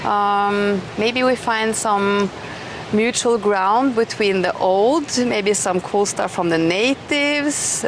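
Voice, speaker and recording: Hosting an informal interview outside in an eco village, a Norwegian woman of middle age talks slowly in a mid-range voice. She comes across chatty and enthusiastic, restarting many times, and background noise fills the outdoor recording.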